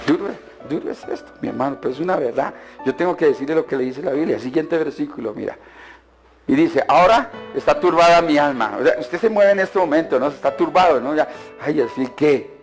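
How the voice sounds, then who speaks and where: A man's voice: on the high side, lively intonation, brisk, faint music behind. A male pastor delivering a sermon, throwing questions at the congregation and mocking churchgoers in put-on voices.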